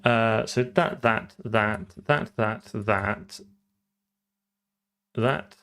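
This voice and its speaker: A man's voice: fairly low pitch, very slow, a bit bright, smooth. A man live-streaming his programming, talking through code and answering chat, often trailing off and repeating words.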